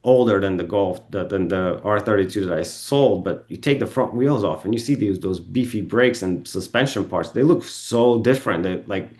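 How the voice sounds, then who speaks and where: A man speaks as a podcast guest, his voice sitting a little low. He tells long stories in a relaxed, rambling way, stopping often to correct himself and filling gaps with ums. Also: normal speed, hardly any pauses. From Bulgaria. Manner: rambling, self-correcting, with frequent ums and restarts. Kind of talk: casual storytelling interview. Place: podcast studio.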